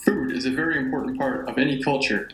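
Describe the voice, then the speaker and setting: A speaker reads a short class narration slowly and deliberately. The echoey room recording carries a faint bed of music underneath. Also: medium pitch, a bit bright. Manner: slow, deliberate reading.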